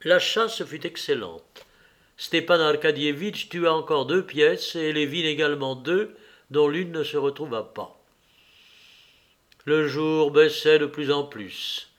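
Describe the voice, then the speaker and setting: A man reading a classic novel aloud in a measured, literary narration. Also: a little high, a bit bright. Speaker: audiobook reader.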